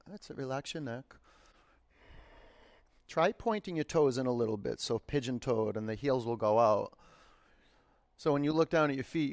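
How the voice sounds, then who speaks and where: A man teaching a yoga class, giving unhurried, encouraging and informal instructions, often gently repeating his cues. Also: medium pitch, dry recording, clean studio sound.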